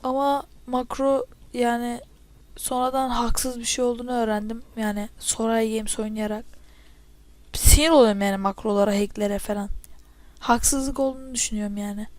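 A woman with a high voice chatters through her own gameplay in a casual let's-play. She is excitable and keeps bursting into loud yells at every setback. Her headset mic sounds close and dry. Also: moderate pace, dry recording. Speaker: gamer commentating own play. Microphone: spare headset mic.

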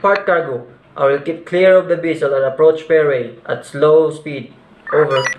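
Brief: young male student as a ship's officer on marine radio. Clipped, formal calls, slightly high voice, echoey room, noisy. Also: steady tone, normal speed, music in the background. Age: young adult. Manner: formal clipped radio phrasing, ending turns with "over". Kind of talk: marine radio call procedure roleplay. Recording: echoey room with loud noise.

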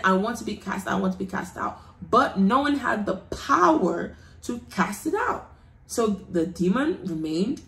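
A woman's voice: a little high, creaky. Earnest woman giving testimony, roomy sound. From United Kingdom. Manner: earnest, preaching emphasis. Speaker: testimony guest. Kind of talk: personal testimony. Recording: roomy echo.

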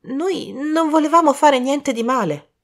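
Woman acting young man, high and loud, excitable, apologetic, audiobook figure. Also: measured pace. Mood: eager, flustered.

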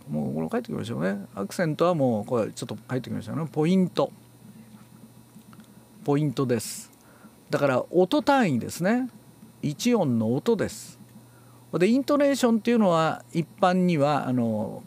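A male announcing teacher lectures in an unhurried, explanatory way, with frequent filler pauses between phrases. His voice is on the high side and gravelly, and his pitch rises and falls widely as he leans hard on key words. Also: darkish tone. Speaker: announcing and reading instructor. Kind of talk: spoken lecture on speech theory.

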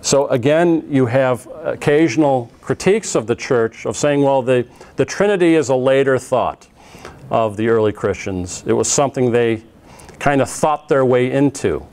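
A middle-aged man teaches a class in a relaxed, conversational way. He often pauses with "uh" and restarts phrases as he explains. He is recorded close up on a lapel mic in a classroom. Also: mid-range voice. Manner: conversational, with frequent "uh" fillers and restarts. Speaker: lecturer. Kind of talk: classroom lecture. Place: classroom in front of a projected slide.

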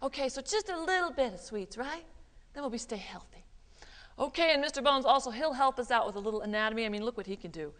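A woman leads a children's yoga lesson in a library room. She coaxes and animates her young audience, her pitch swinging widely. A long reverb trails her voice. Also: quick pace. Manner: animated, coaxing, sprinkles in Spanish words. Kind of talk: teaching children live.

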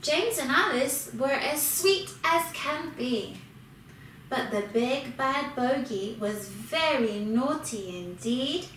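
A woman reading a children's storybook aloud in an expressive, unhurried way. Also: high voice. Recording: very echoey room, distant mic, faint hiss.

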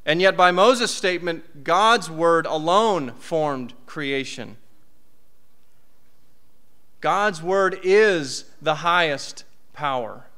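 Bright-voiced man preaching a sermon. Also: a little high, drawn-out words. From United States. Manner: conversational, lively preaching with asides and rhetorical questions. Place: church hall. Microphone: podium mic.

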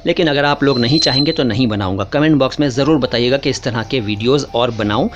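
A man's voice: medium pitch, quick pace, noisy background. A man teaching word origins in a casual, patient lesson, often repeating key words and calling his viewers brother. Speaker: language teacher.

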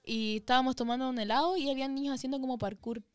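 A young woman with a Chilean Spanish accent, co-hosting a casual chat and telling an animated story full of slang. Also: sits high, rapid-fire, smooth, no echo. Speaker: co-host.

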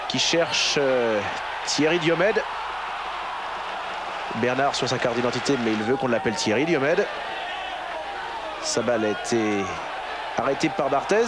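A man giving football highlights commentary as a TV commentator. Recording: noisy broadcast with stadium crowd. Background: football crowd.

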